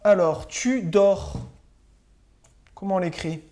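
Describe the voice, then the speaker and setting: Recording a lesson for pupils at home, a primary school teacher with a mellow, mid-range voice speaks slowly. They patiently spell out words letter by letter and frequently make sure the children are keeping up.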